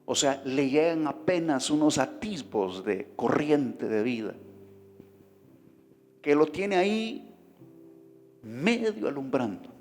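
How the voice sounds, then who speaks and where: A man's voice: fairly high pitch, sing-song, slow pace, pauses often, a little mellow. A man preaching a sermon, talking conversationally and often asking the congregation questions. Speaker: pastor. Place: church hall. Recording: reverberant hall with faint music behind.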